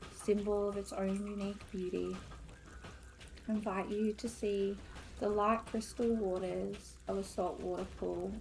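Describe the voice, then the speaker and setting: A woman leading a spiritual guided meditation in a soft, soothing, airy mystical-healer manner, with long pauses between short phrases. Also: medium pitch, vocal fry, poor audio.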